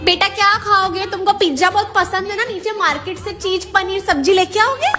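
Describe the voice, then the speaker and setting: A woman's voice: very high voice, moderate pace, echoey room, music in the background. A woman playing a stingy two-faced aunty. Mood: sweet, grumbling. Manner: sweet to the guest's face, muttering complaints aside. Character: stingy two-faced middle-aged aunty, grumbling host.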